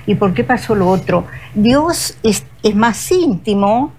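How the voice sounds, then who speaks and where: A woman's voice: medium pitch, animated, slow, a little mellow, slight background noise, poor audio. An older woman from Uruguay, a guest answering interview questions reflectively, often correcting herself mid-thought. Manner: searching, self-correcting phrasing.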